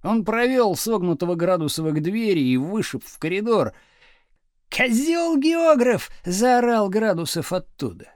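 A man narrating an audiobook in a lively, expressive reading manner. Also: sits high, moderate pace, hardly any pauses, dry recording, clean studio sound.

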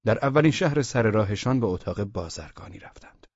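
A man narrating a humorous story as an audiobook, in a steady storytelling manner. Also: fairly low pitch, dry recording. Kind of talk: scripted narration. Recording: dull, dry audio.

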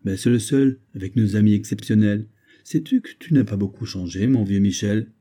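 A man's voice: lowish voice, moderate pace, mellow, lightly acted. A man reading aloud, voicing a cheerful talking bust of an old army friend, jovial and teasing. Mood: warm.

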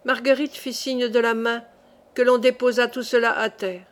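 A woman narrating a classic novel as an audiobook in a steady, measured way. Her voice sits a little high for a woman.

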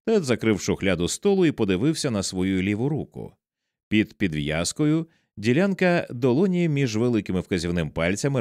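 A man reads a horror novel for an audiobook in a low, expressive voice, building tension with wide rises and falls in pitch. His storytelling is measured and dramatic, and the recording is dry and close with no room sound.

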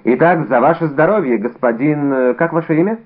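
A man's voice: on the high side, a little fast, pitched above the performer's own voice, natural voice. A man reading an audiobook, voicing a bold, cunning young musketeer with a brash, theatrical manner, in a narrow, phone-like recording.

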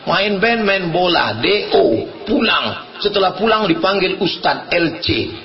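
A middle-aged man preaching a humorous sermon, animated, acting out the voices in his stories and breaking into shouts. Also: high voice, measured pace, creaky. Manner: animated storytelling, acts out quoted voices, bursts into shouts. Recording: dull lo-fi recording.

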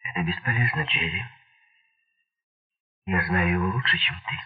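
A man's voice: low voice, lively intonation, normal speed, soft background music. A man voicing a worried young woman who pleads anxiously, on a tinny lo-fi recording.

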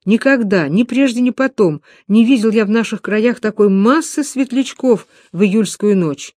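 A woman narrating a novel in a calm, reflective reading voice. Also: fairly high pitch, normal speed, no room sound, studio quality. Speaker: audiobook narrator.

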